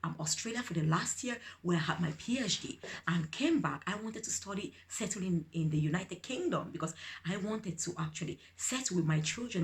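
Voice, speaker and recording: A middle-aged woman from Cameroon with a Cameroonian accent, giving an earnest inspirational video message as an empowerment coach, repeating key phrases for emphasis. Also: fairly low pitch.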